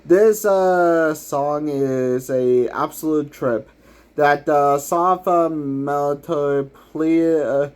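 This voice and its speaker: Slow, halting male YouTuber. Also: fairly high pitch. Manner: halting, full of "uh" fillers and restarts. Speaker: YouTuber ranking villain songs. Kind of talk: unscripted video commentary.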